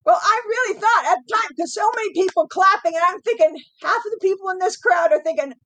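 A middle-aged woman guest telling family stories in a casual chat, animated and laughing often. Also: very high-pitched, quick pace, rough recording.

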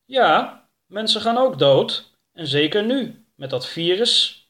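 A man voicing a curious young male creature in a high, lively put-on voice. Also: slow, heavily acted.

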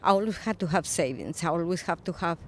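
A Colombian-born woman in her fifties, an Episcopal priest, speaking thoughtfully in a recorded interview, with frequent pauses and fillers. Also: lowish voice, animated, a little hiss or hum. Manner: reflective, soft-spoken with frequent pauses and fillers.

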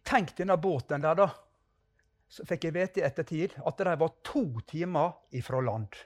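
A man giving a spoken testimony and a fervent prayer as a preacher on a podcast. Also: on the high side.

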